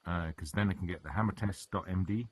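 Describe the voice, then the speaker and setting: A man's voice: deep voice, fast talker, a crowd in the background. A man in a casual technical chat on a work call, chatty and thinking aloud as he works. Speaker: software developer on a work call.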